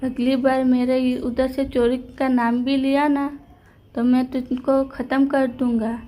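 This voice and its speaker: A woman's voice: high-pitched, little pitch movement, measured pace, warm tone. A woman voicing a stern village father. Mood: angry.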